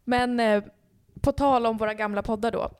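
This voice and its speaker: Soft-spoken young woman podcaster. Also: fairly high pitch, fairly even intonation, clear, resonant tone, no echo, studio quality. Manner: soft-spoken, reassuring back-channel murmurs. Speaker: podcast co-host. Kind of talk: casual chat.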